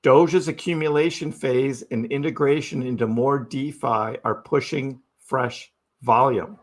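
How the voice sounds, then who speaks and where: A man's voice: medium pitch, steady tone, unhurried. A man hosting a live crypto stream, giving casual chart commentary and asking his audience rhetorical questions. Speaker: crypto livestream host.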